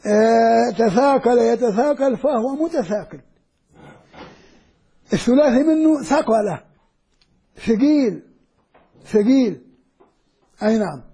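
An older man giving a classroom lecture, explaining slowly and repeating and drawing out key words. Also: very high voice, expressive, mellow, slightly rough. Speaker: Quran lecturer.

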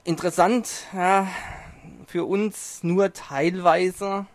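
A man with a high, steady voice speaks slowly, with no room sound around him. He hosts a casual podcast from a small home studio, chatting in a jokey, self-mocking way, and his home mic distance shifts now and then.

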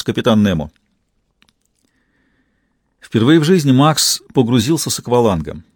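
A male audiobook narrator reads a scripted adventure novel in a calm, even storytelling style. His voice is medium-pitched, and the studio recording is clean, with no room sound.

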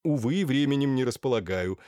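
A man's voice: mid-range voice, animated, fairly quick, a little mellow, no echo, close to an everyday voice. A man voicing a polite, reserved male doctor in an audiobook, courteous and dry. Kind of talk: audiobook character voice.

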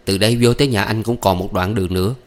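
A man's voice: fairly low pitch, steady tone, close to an everyday voice. A man doing an uneasy young Southern Vietnamese man. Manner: hurried, uneasy. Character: young man, awkward and evasive.

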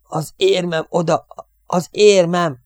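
Male narrator doing a terrified young airman, high and frantic, for an audiobook. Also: steady tone, a little mellow, dry recording, studio quality, natural voice. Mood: panicked. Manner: shrill, frantic. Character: panicked young male bomber gunner.

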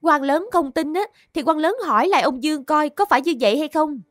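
A woman playing a high-voiced, pleading young accused woman. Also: fairly quick, a bit bright, no room sound, studio quality, faint music behind. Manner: deferential, pleading. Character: young woman accused of murder, earnest and polite.

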